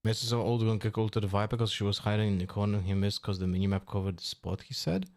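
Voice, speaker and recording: A man casually chatting on a live stream, reading and answering chat in a relaxed, mumbling way that trails off. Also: fairly low pitch, racing.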